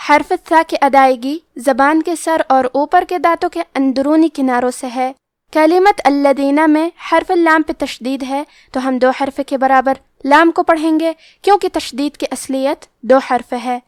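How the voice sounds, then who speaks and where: A woman teaching Quran recitation, explaining the rules of each letter step by step and reciting verses slowly. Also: high voice, no echo, clean studio sound. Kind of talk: tajweed lesson with slow recitation.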